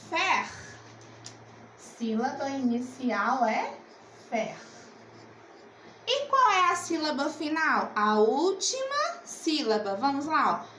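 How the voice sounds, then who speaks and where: Slow, high-voiced woman teacher. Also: sharp tone, roomy sound, slight background noise, rough recording. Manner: slow, coaxing, asks and answers her own questions. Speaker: primary school teacher. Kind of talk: remote literacy lesson.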